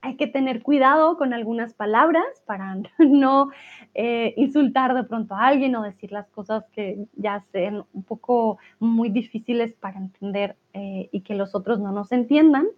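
Tinny-sounding Spanish teacher woman, laughing often. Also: fairly high pitch. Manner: laughs often, speaks slowly and clearly. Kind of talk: live class answering viewer chat.

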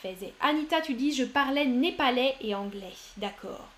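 In her live-streamed French class, a woman with a high voice reads viewers' answers from the chat in turn and compliments each one. The delivery is expressive, upbeat and encouraging, at normal speed.

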